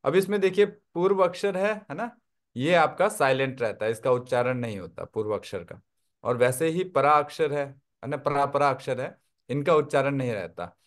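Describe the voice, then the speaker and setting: Teaching an online Tibetan writing class, a man uses a mid-range voice at moderate pace. He goes through the lesson step by step, pausing often to confirm his students follow.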